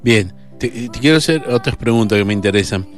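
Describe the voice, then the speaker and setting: A man's voice: lowish voice, animated, fast talker, soft background music. A man with an Argentine Spanish accent hosting a radio interview, asking short, curious questions. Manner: curious, brief prompting questions. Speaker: radio host.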